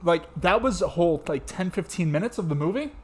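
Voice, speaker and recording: A man co-hosting a podcast, chatting casually about a movie, agreeable and quick to laugh. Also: high-pitched, lively intonation. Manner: laughs often, agreeable, backchannels a lot. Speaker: podcast co-host reviewing a movie. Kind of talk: casual chat.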